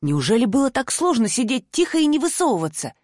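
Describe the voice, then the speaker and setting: A woman's voice: sits high, very animated, fast talker, a little mellow, no room sound. Female narrator doing a stern, worn-out man who scolds harshly, audiobook reading, dry close sound. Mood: angry scolding. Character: stern tired man scolding a young woman.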